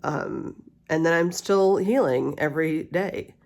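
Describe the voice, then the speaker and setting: Unhurried and low-voiced, a middle-aged woman chats ramblingly and candidly in her casual personal vlog. A slight lisp comes from her retainer, and the backdrop is a steadily hissing cool mist humidifier with faint spa music.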